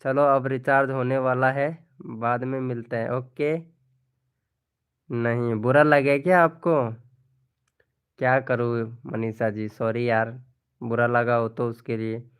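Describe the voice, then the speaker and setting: A man runs a casual live stream, reading viewers' comments and calling out names as he chats. His voice is smooth and clear, and he speaks at a slow, easygoing pace. He laughs easily and keeps the talk friendly. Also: mid-range voice, level tone. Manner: chatty, addresses viewers by name, laughs often. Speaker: live stream host promoting channels.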